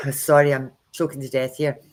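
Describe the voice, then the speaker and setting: A woman's voice: extremely low pitch, little pitch movement, a little slow, fairly bright tone. A woman who reads tarot, telling stories bluntly and chattily on a livestream over a video call. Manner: chatty anecdotal storyteller, blunt. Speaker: tarot reader co-hosting a livestream. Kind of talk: casual livestream chat.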